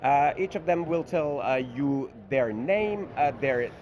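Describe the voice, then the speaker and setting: Slightly high-voiced host. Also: male voice, lively intonation, dull audio, background noise. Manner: halting, many filler sounds. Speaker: tournament host. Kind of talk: live stream hosting. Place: convention room.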